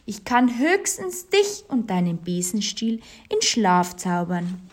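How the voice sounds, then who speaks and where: A woman voicing a calm storybook witch who casts sleep, talking low and soothing. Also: slow pace.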